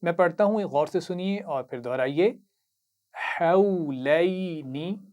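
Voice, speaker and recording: A man with an Urdu accent teaching Quran reading, patiently explaining each word, reciting it slowly and praising the learner. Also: fairly high pitch, animated, darkish tone, muffled recording. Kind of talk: slow instructional lesson.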